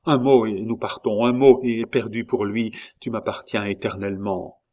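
An ardent young nobleman urges his beloved to flee with him, his voice rising and growing louder, as a man reads him. The pleading is passionate and pressing. It sounds like an audiobook character. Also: on the low side, fairly even intonation, moderate pace, lightly acted.

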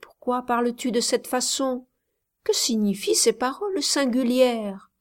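A frightened young village girl pleads in a soft, trembling voice that climbs high when she protests, as a woman reading the tale acts her. She speaks slowly, hushed and anxious, in this storybook reading. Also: natural voice. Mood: frightened, pleading.

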